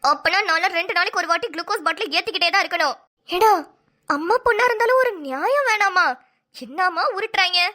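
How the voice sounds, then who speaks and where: A woman's voice: very high voice, animated, quick pace, bright, forceful tone, exaggerated voice. A woman voicing a sarcastic, fed-up young daughter-in-law in a cartoon, grumbling under her breath. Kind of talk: cartoon voice acting.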